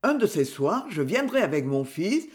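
A man's voice: high-pitched, sing-song, moderate pace. A man playing a blustering village miller. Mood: pompous. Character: boastful, scheming middle-aged village miller.

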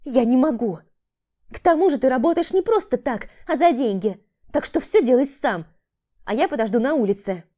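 A shrill, high-strung woman who schemes and then panics, pleading and defending herself, as an audiobook narrator plays her. Her voice jumps high and stays tense throughout. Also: expressive, moderate pace, warm tone. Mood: panicked. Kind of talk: audiobook character voice.

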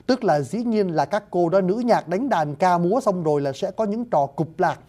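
At a normal speed, a man with a high, animated, dark-toned voice explains classical poetry word by word in a spoken lecture. He keeps politely addressing his listeners and leans on hesitant fillers.

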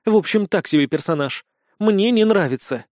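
A man voicing a sharp-tongued, jealous young noblewoman who is the elder sister, speaking scornfully. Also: high voice, lively intonation, normal speed, no echo, clean studio sound, pitched above the performer's own voice. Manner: scornful, snappy.

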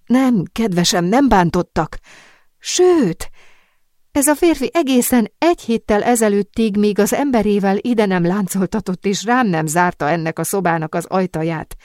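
A woman reading the part of a gentle, devoted young man held in chains, speaking tenderly. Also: mid-range voice, dry recording, clean studio sound, pitched above the performer's own voice, close to an everyday voice. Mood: reassuring. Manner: tender, gentle, soon sharp.

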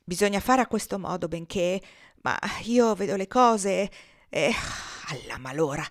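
Storybook figure: anxious middle-aged statesman, read by a woman, grumbling and deliberate. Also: lowish voice, expressive. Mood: troubled. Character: worried middle-aged male senator, gruff and fretful.

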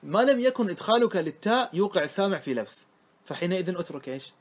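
A man teaching a grammar lesson, reciting lines of verse slowly and then explaining them, often asking his students questions. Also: high-pitched, sing-song. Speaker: sheikh teaching Arabic grammar. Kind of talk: classroom lesson on a grammar poem.

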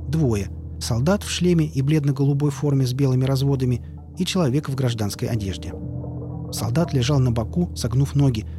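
A man narrating an audiobook in a steady, even storytelling voice. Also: medium pitch. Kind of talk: scripted narration. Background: music.

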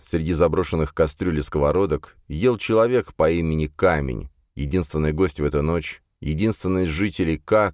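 A man narrating an audiobook in a measured, even storytelling manner. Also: extremely low pitch, no room sound, clean studio sound. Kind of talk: scripted narration.

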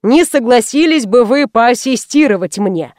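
A woman reading an audiobook voices a fussy, ceremonious old male obstetrician who speaks slowly and formally. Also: on the high side, animated, darkish tone, no echo, clean studio sound. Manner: slow, formal and courtly.

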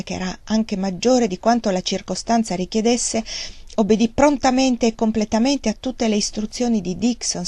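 Lady narrating an old novel, steady calm reading, dry close mic. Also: mid-range voice, no echo. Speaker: audiobook reader. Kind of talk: literary audiobook narration.

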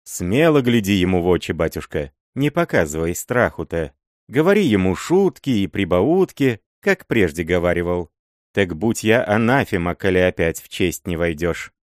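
A man's voice: deep voice, very animated, moderate pace, no room sound, clean studio sound. A man voicing a crafty, fawning old male miller and sorcerer who wheedles and scrapes in an audiobook. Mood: wheedling.

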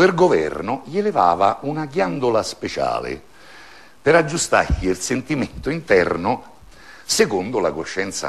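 Lively man reciting a poem. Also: on the low side. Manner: storytelling recitation with lively swings of tone.

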